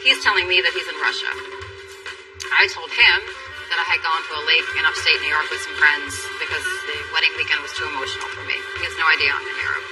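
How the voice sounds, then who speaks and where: A woman's voice: deep voice, fairly even intonation, quick pace. A woman interviewed for a news documentary, recalling events in an intense, emotional way. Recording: distant mic with music bed.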